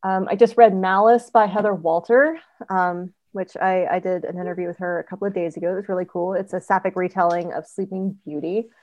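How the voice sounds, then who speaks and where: A woman author chatting as a guest on a podcast interview, telling stories in an animated way with frequent ums. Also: lowish voice, no echo. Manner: animated storyteller, quick asides, frequent ums. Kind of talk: casual interview chat.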